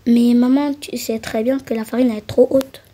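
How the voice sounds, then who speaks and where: A woman's voice: a little high, fairly even intonation, brisk, dark tone, lightly acted. A woman voicing a cheeky little daughter who complains and pouts in a doll role-play. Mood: whiny. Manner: complaining, pouty. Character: young girl, cheeky and whiny daughter.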